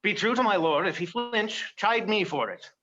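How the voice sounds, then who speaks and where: An actor playing a bawdy, jesting middle-aged uncle who plays matchmaker, in stage verse. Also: male voice, sits high, expressive, normal speed, sharp tone, muffled recording. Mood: teasing. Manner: teasing, playful.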